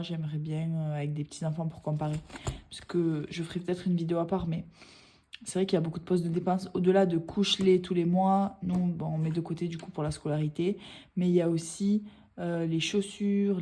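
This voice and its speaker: Mellow low-voiced woman vlogging casually. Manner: rambling, hesitant, many fillers. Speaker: budgeting vlogger. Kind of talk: casual chat.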